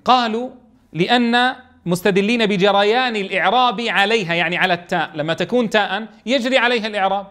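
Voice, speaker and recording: A man teaches a class of Quran teachers, speaking in a fairly high voice. He reads a passage aloud, breaks it down, and keeps asking whether the students follow. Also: fast talker, fairly bright tone. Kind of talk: classroom lesson explaining a grammar text.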